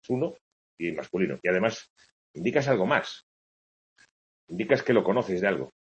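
Casting note: low-voiced chatty male teacher on a muffled lo-fi recording. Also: sing-song, moderate pace. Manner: chatty, full of tag questions. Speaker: Spanish teacher. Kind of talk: casual online grammar lesson. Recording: lo-fi dull sound.

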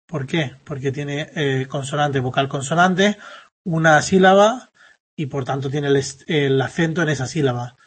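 Casting: husky male teacher, slightly high voice, patient and halting, lots of fillers. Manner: patient, explaining step by step with many fillers. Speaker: English teacher. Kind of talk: classroom grammar explanation.

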